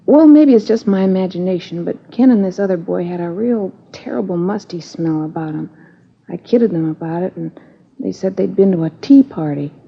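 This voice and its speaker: This actress has a fairly low, gravelly voice and speaks animatedly at a moderate pace while portraying a worried, earnest schoolgirl in her teens. Hesitant yet chatty, she responds to police questioning in 1950s radio-drama fashion, and the recording is a dull old broadcast full of hiss.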